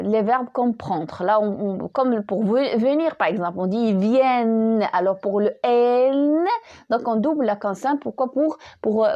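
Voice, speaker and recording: A woman with a fairly high, dark-toned voice teaches a French grammar lesson. She patiently spells out verb endings letter by letter, often repeating words and restarting.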